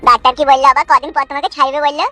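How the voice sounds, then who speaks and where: A fiery young village man voiced by a woman in a comic cartoon. He rattles off crude, swearing rants at breakneck speed. The voice is bright and high for a man. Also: steady tone, racing, faint music behind. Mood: pleading. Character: hot-headed young village man vowing revenge.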